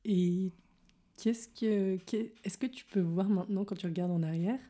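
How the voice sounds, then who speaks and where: A woman's voice: medium pitch, measured pace, mellow. A woman interviewing a guest, asking long, curious, probing questions. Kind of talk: interview conversation.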